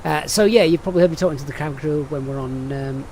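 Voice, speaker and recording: A flight sim streamer from Sheffield, England, with a Sheffield English accent, methodically talks through a flight plan step by step, then chats easily with viewers and reads out their comments. His quick, slightly mellow voice sits a little higher than most men's. Faint noise hums beneath this live-stream briefing.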